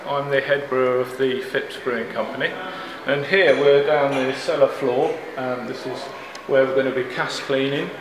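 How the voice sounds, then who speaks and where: A handheld camera trails a middle-aged head brewer closely as he gives a walking tour of a cavernous, echoey brewery. He talks plainly and unhurriedly, using fillers, in a steady male voice of medium pitch. Air-conditioning hum fills the background of the echoing rooms.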